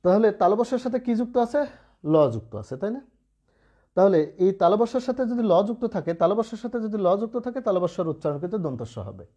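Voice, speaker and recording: Patient Bengali teacher with a mellow lively voice. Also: male voice, sits high, fast talker, husky. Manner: patient, asks students rhetorical checks often. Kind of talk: online grammar lesson.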